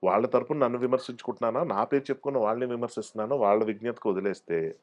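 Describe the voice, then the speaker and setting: A man speaking, an actor talking as an interview guest. He tells his stories with life, dropping his voice low and then jumping up high whenever he acts out what someone else said. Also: rapid-fire. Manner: animated storyteller acting out quoted voices. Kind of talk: casual storytelling interview.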